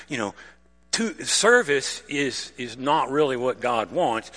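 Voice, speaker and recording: A man preaching a sermon in an animated way, putting rhetorical questions to his listeners and explaining religious terms plainly. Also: mid-range voice, big-room sound.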